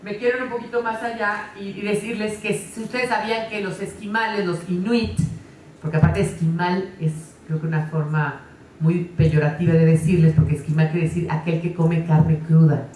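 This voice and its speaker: A woman's voice: on the low side, moderate pace, slight background noise. Woman lecturing in an echoey hall. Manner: lively, conversational, frequent tag questions. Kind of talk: conference talk. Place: conference hall. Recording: echoey hall, distant mic.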